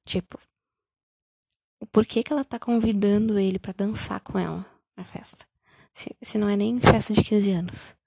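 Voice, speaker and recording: A woman's voice: mid-range voice, vocal fry, breathy edge, no room sound. A young woman, sarcastically recapping a bad film in a casual vlog. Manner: sarcastic, incredulous, animated retelling. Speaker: vlogger reviewing a film.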